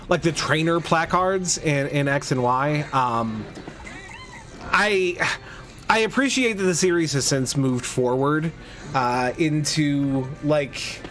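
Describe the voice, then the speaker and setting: Animated chatty man narrating a game. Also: on the high side. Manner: chatty, rambling, frequent restarts and fillers. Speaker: host of a game playthrough podcast. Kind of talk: casual let's play commentary.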